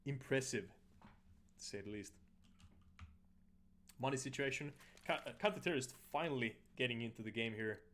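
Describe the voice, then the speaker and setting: A man giving casual, somewhat halting esports commentary over a video game match. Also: medium pitch, fairly bright tone, a little hiss or hum. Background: in-game audio bleeding through.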